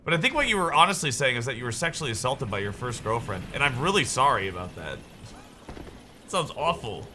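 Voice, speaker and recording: A young man streaming a game, chatting casually and joking in a rambling way with sudden excited yelps. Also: mid-range voice, brisk, background noise. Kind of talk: casual chat while gaming.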